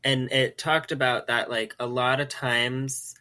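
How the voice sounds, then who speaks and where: A man's voice: mid-range voice, flat delivery, unhurried, sharp tone. A man co-hosting a podcast in casual chat, talking in an earnest, slightly lecturing way. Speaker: podcast co-host.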